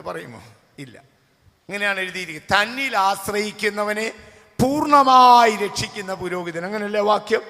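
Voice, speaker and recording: A man preaching a Pentecostal sermon as pastor, telling stories in a casual way and rising to shouted calls for the congregation to say hallelujah. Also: sits high. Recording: long hall reverb.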